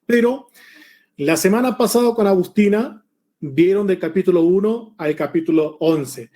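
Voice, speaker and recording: A man in his forties teaches Scripture over a video call in Spanish, his accent a mix of Argentine and Mexican from a Korean birth and Argentine upbringing. The high voice moves at normal speed, and the delivery is loose and talkative, full of pauses and hesitations.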